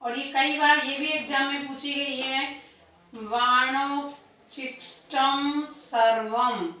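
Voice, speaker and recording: Echoey woman teacher, high and bright. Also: flat delivery, normal speed. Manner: repeats points, asks and answers own questions. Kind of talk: exam-prep lecture. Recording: echoey room, distant mic.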